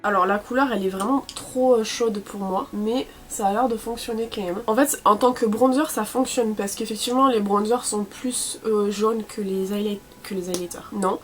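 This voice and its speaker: A woman's voice: medium pitch, a little hiss or hum. A young woman with a cold, chatting casually through a makeup tutorial, full of fillers and self-corrections. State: sniffly from a cold. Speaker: beauty vlogger.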